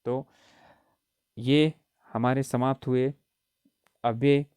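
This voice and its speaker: A man's voice: medium pitch, fairly even intonation, takes it slowly, a little mellow, smooth, dry recording. A man giving an exam-prep grammar lesson, explaining patiently and repeating key points with frequent check-ins. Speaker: Hindi grammar teacher.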